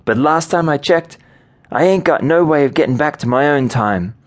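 A man's voice: fairly high pitch, expressive, normal speed, voice pushed up, close to an everyday voice. A male narrator voicing a tough, short-tempered frontier woman who talks with a blunt, folksy drawl. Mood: weary, resigned. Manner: blunt, snappish. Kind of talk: audiobook character voice.

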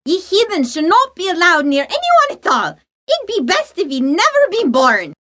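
A woman's voice: extremely high pitch, wildly swooping pitch, a little slow, vocal fry, sharp tone, voice pushed up, exaggerated voice. A woman voicing a mean, shrewish village matron who squawks and snarls with scorn. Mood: scornful, shrill.

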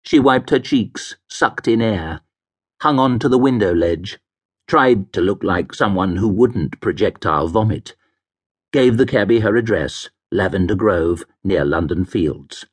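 A male audiobook narrator reads a thriller in a measured, expressive way. His husky voice moves slowly and rises and falls freely. Every phrase is placed with care. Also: lowish voice. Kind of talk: scripted narration.

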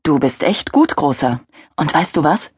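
A woman voicing a gentle, playful young father who talks fondly and teasingly to his little son. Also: low voice, lively intonation, moderate pace, slightly rough, dry recording, clean studio sound, full character voice.

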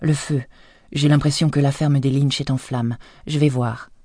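A woman's voice: very deep voice, steady tone, moderate pace, mellow, dry recording, clean studio sound. A woman narrator voicing a startled husband in his thirties, who talks in urgent, alarmed exclamations in an audiobook.

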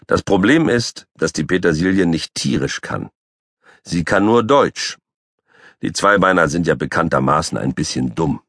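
Boastful tomcat narrator, voiced by a man; very low, husky, dry close studio sound. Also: moderate pace, no echo. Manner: boastful, grumpy, lively. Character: boastful noble three-legged tomcat, ex-circus artist. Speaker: audiobook narrator. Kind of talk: children's audiobook narration. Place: recording studio. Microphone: close studio mic.

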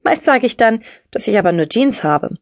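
A woman's voice: on the high side, expressive, moderate pace, dry recording, clean studio sound. A woman doing a brash, unfazed young woman. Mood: breezy. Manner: blunt, breezy, matter-of-fact.

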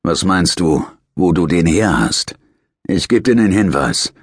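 A man voicing a blunt prison nurse in an audiobook, sardonic and brisk. He scolds in short bursts, with a husky tone over a deep voice. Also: lively intonation, no room sound, clean studio sound, full character voice. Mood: scolding.

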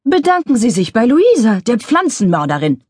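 A woman's voice: on the high side, very animated, moderate pace, a little mellow, slightly rough, no echo, studio quality, voice pushed up. A woman doing a grumpy scrawny office man. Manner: grumbling, stern. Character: grumpy, scrawny balding male office worker.

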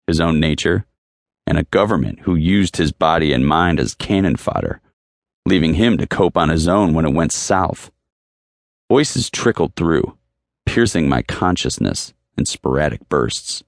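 A man narrates an audiobook in the first person, brooding and intense, leaning hard on emphatic repeated phrases. His voice rumbles low, in studio-quality audio with no room sound.

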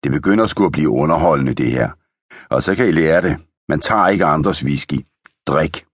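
Man as a menacing cowboy, storybook, deep and husky, dry close sound. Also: dry recording. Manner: bullying, commanding. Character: rowdy menacing adult male cowboys.

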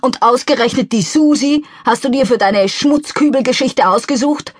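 A woman's voice: sits high, normal speed, slightly rough, no echo, clean studio sound, voice pushed up. A woman voicing a furious, scornful middle-aged society wife in an audiobook. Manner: shrieking, scornful. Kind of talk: audiobook character voice.

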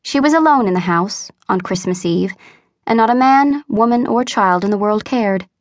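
Brief: female audiobook narrator, mid pitch, measured storytelling, dry booth sound. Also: animated, no echo.

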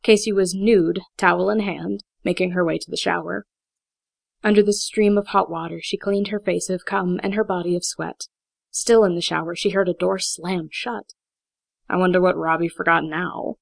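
A woman reading an audiobook aloud in a steady, measured way, with a heavy vocal fry. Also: fairly low pitch, dry recording. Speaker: audiobook narrator. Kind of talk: scripted audiobook narration.

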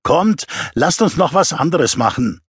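A man voicing a drunk, excitable young female student who keeps pushing for party games. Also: low-pitched, measured pace, breathy edge, dry recording, studio quality, voice pushed up, exaggerated voice. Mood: giddy. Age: young adult. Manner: pushy, excitable party talk.

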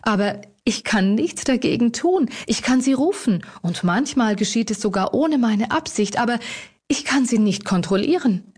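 Woman reading as a panicked lady of the manor, high and strained, husky, sobbing and pleading, audiobook. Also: lively intonation, normal speed, a little mellow. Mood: anguished. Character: frightened older woman, lady of a country manor.

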